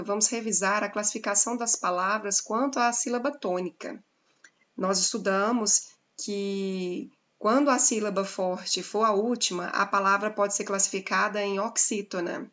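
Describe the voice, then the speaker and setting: A woman's voice: mid-range voice, fairly bright tone. A woman teacher with a Brazilian accent giving a grammar lesson to her class, explaining step by step and checking in with "né?". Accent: Brazilian Portuguese. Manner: explains slowly, spelling out examples with frequent "né?". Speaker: Portuguese teacher.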